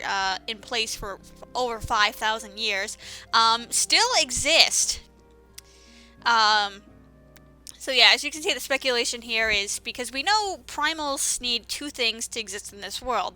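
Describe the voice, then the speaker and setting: A woman's voice: a little high, pushed and bright. A woman giving casual, rambling commentary over a game playthrough, with many fillers and restarts. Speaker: let's-play commentator.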